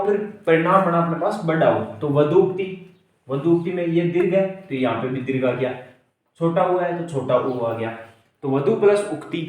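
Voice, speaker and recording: Male exam-prep tutor, higher-pitched, drills word parts slowly and repeats himself. Recorded in a very echoey room, away from the mic. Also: a little mellow, recorded from a distance. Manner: repeats questions and answers them himself. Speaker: teacher. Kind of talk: exam-prep grammar lesson.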